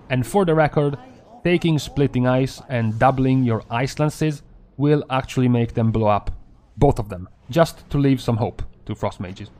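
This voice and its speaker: Man, young adult, gaming commentary, brisk, sarcastic, mid-pitched voice. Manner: brisk, sarcastic, lively delivery. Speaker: video game commentator. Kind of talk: gaming patch-notes commentary.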